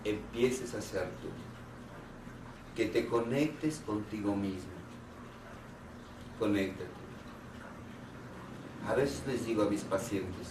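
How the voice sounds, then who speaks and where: A man, a therapist, giving an earnest public talk on anxiety and asking the audience one rhetorical question after another, with pauses between phrases. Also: lowish voice, noisy background. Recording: roomy hall sound from a distant mic.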